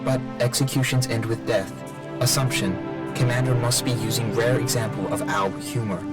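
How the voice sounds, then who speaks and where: A man's voice: medium pitch, steady tone, normal speed, close to an everyday voice. An actor voicing a damaged male combat robot in a video game, who gives clipped status reports and stutters over system errors. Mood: flat reporting. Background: loud game music.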